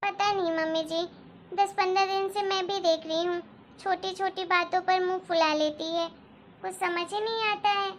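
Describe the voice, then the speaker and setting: A woman's voice: very high voice, fairly even intonation, normal speed, slight background noise. A woman voicing a sensible elder daughter-in-law who reassures and soothes in a cartoon story. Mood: reassuring. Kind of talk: Hindi cartoon story dialogue.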